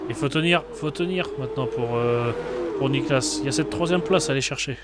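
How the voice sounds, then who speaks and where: A man's voice: mid-range voice, fairly quick. A male motorsport commentator with a mid-range voice calls the race live. He repeats names and short phrases for emphasis, with plainly audible engine and background noise. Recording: clear background noise with car sounds.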